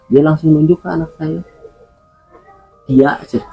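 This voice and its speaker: A man's voice: fairly high pitch, fairly even intonation, a little slow, gravelly, mellow, soft background music, rough recording. A man guest in an interview, recounting a personal experience in a hesitant way, repeating words and using many fillers.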